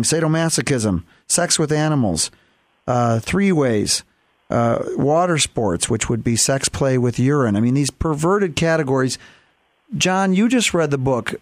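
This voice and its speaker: Halting male talk-show host, dry sound. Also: medium pitch, no room sound. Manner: halting, many fillers and restarts.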